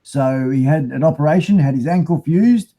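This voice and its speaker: A man's voice: fairly high pitch, normal speed, dark tone, lo-fi sound. A man with a broad New Zealand accent hosting a casual live stream, rambling and matey as he chats to viewers. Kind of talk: casual live chat, reading out viewer comments.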